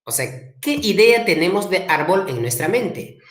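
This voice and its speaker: In an echoey room, a man teaches an online language class, slowly repeating his questions and coaxing students to reply in the chat. His voice is high and sing-song.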